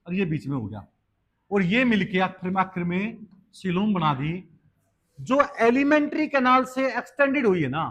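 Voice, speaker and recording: With a high, fairly bright voice, a male teacher runs an exam-prep biology lecture for an entrance exam. He addresses students as "beta," asks and then answers his own questions, and has science in his pronunciation.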